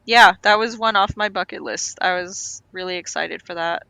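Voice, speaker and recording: A woman's voice: lowish voice, normal speed, gravelly, sharp tone, no echo, rough recording. Chatty woman with dry close sound. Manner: chatty storytelling, many "like" fillers. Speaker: podcast co-host. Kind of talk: casual chat.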